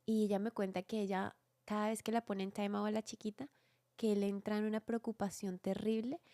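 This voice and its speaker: A woman's voice: medium pitch, flat delivery, brisk, warm tone, no echo. A woman chatting on a family podcast, telling a story about a friend's children. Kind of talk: casual family podcast chat.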